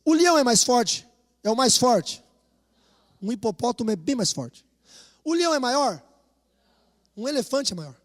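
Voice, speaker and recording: High-voiced Brazilian pastor in a reverberant hall. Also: male voice, moderate pace, long pauses. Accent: Brazilian Portuguese. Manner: animated storytelling, rousing the congregation to repeat after him. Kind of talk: sermon. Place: church hall. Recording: long reverb of a church hall.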